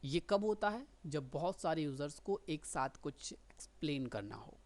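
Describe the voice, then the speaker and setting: A woman's voice: low voice, animated, moderate pace, darkish tone. A woman teaching shorthand, explaining patiently and often checking that listeners follow. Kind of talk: explanatory lesson.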